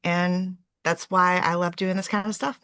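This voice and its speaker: A woman's voice: fairly low pitch, little pitch movement, a little slow, a bit bright, no echo. A woman in her forties, a real estate investor answering interview questions in a chatty way, with many "um"s and self-corrections.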